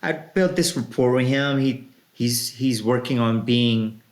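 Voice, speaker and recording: Speaking at medium pitch and a little slowly, a man in his late thirties hosts a casual podcast. He tells stories in a laid-back way, with plenty of fillers, and the recording has a roomy echo.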